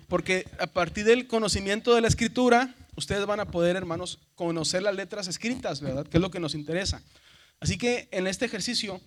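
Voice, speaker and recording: A man, teaching a seminary class on the Greek alphabet, patient and repetitive, calling his students brothers. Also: high-pitched. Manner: patient, repeats "¿verdad?" and spells letters aloud. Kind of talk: classroom lesson.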